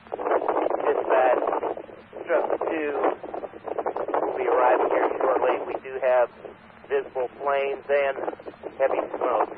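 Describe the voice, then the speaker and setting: A man's voice: mid-range voice, flat delivery, slow pace, pauses often. A man working as fire incident commander, speaking in urgent, terse firefighter radio traffic over a two-way radio and repeating key details. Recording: noisy, tinny fire radio transmission.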